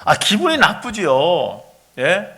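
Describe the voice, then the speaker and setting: A middle-aged male pastor preaching a sermon, animated, often asking the congregation rhetorical questions. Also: high voice, slow pace, vocal fry, slightly rough.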